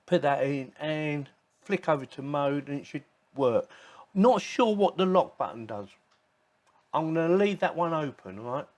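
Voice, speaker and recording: Expressive and unhurried, this tech product reviewer has a fairly high, slightly mellow voice. He runs through an informal unboxing and product demonstration, chatting casually and thinking aloud.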